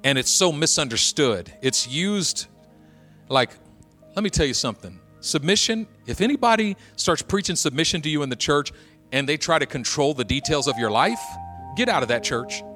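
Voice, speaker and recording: A man's voice: a little high, big pitch swings, moderate pace, sharp tone, soft background music. A male pastor preaching a sermon, telling a humorous personal story in a conversational way and then building to urgent exhortation.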